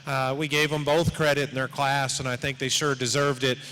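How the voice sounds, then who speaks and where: A man giving measured, explanatory spoken commentary to an audience as a livestock show judge. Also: medium pitch, level tone, bright, forceful tone. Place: large indoor show arena. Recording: echoing hall over PA, background noise.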